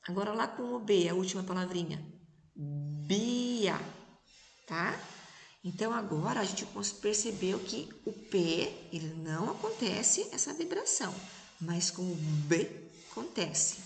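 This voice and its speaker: A woman's voice: mid-range voice, expressive, creaky. Patient Brazilian teacher woman, echoey room. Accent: Brazilian Portuguese. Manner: slow, patient, stretches out syllables and sounds. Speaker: primary school teacher. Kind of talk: recorded remote lesson for young children.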